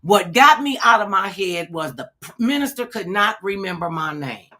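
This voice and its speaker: A middle-aged woman hosting a talk show, telling a story in a casual chat. She acts out the voices of people she quotes and gets loud to make a point. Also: mid-range voice, animated, normal speed.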